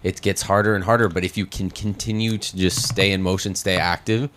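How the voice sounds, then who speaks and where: Late-thirties guy, low voice, chill storyteller on a podcast, swears here and there. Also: fairly even intonation, brisk, fairly bright tone, slight background noise. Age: 30s. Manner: easygoing storyteller, swears casually. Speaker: podcast co-host. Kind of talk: casual chat.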